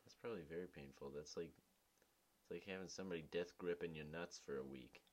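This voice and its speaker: A man's voice: low-pitched, fairly quick, a little mellow. A young man co-hosting a casual podcast, bantering bluntly and dryly. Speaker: podcast co-host. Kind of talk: casual chat.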